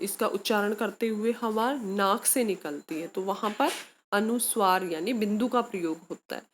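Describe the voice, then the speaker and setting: A woman's voice: mid-range voice, slight background noise. A woman teaching a grammar lesson to students, explaining patiently, asking questions and answering them herself, and mixing in English words. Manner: calls students beta, mixes English words.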